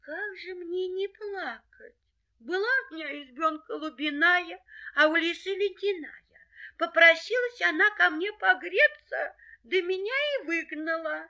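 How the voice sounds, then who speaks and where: A woman doing a high, weeping little hare. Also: measured pace, sharp tone, full character voice. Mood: tearful. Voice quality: high, tearful, whimpering. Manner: repeats his lament in a crying sing-song. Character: small weeping hare boy, homeless and pitiful.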